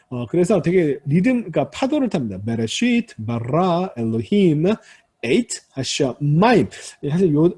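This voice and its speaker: A man with a warm, slightly husky voice delivers a recorded Hebrew lecture. He explains step by step and addresses his students politely. His pitch moves in a lively way as he sounds out example words. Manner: demonstrates Hebrew word stress aloud. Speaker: Hebrew instructor.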